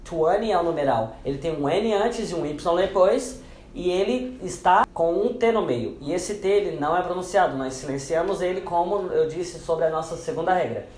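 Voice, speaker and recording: A man's voice: normal speed, a little mellow, roomy sound, slight background noise. A man teaching English pronunciation in a lesson. He explains each rule patiently and repeats the example words several times. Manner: repeats example words, dropping lower for them.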